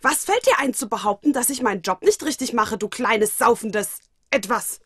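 A woman's voice: mid-range voice, animated, moderate pace, a bit bright, no echo, clean studio sound. A woman voicing a grumpy, easily angered teenage schoolboy in a storybook reading. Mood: indignant. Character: hot-tempered teenage schoolboy servant. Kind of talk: audiobook reading of fan fiction.

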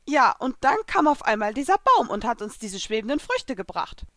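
A woman's voice: fairly high pitch, sing-song, normal speed, a bit bright, no room sound, voice pushed up. A young maid spirit speaks formally and deferentially in a raised, light voice, as a woman reader performs her. The storybook voice sounds close and dry. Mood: polite. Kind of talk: audiobook fan fiction reading.

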